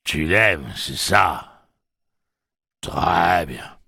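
A menacing old pirate sneers out coarse taunts in a raised, gravelly voice, as a man puts him on. He swoops up and down as he gloats, gleeful and crude. It sounds like a storybook reading. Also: low voice, expressive, very slow, sharp tone, dry recording, clean studio sound, heavily acted. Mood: taunting.

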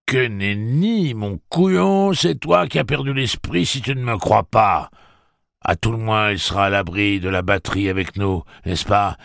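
A man's voice: on the low side, vocal fry, fairly bright tone, no echo, clean studio sound, pitched above the performer's own voice. A man voicing a gleeful, crude old pirate who mocks and threatens in coarse slang. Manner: mocking, coarse taunting.

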